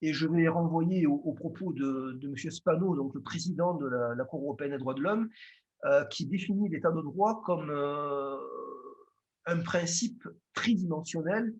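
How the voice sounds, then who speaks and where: Lawyer lecturing, Marseille accent, slightly higher male voice, formal but halting with many fillers. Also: highs cut off. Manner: formal, hesitant, frequent "euh" fillers and restarts. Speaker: lawyer giving a conference talk.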